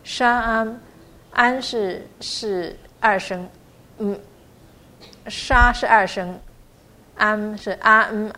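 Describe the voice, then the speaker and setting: A woman teaching pronunciation, repeating syllables slowly and explaining their tones. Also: medium pitch, vocal fry, sharp tone. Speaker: language teacher. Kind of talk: pronunciation lesson.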